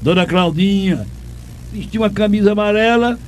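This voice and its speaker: In a high voice and at a moderate pace, an older Pernambucan radio host, once a sports reporter, delivers ranting commentary with a Northeastern Brazilian accent. He sounds indignant and emphatic, repeating himself often, and there's slight background noise.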